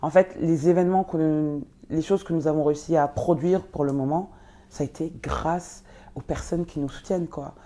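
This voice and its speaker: A young woman who grew up in Belgium and was born in Congo, answering interview questions with many pauses and fillers. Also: low voice, steady tone, dark tone. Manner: hesitant, many fillers and restarts. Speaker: guest, nonprofit co-founder.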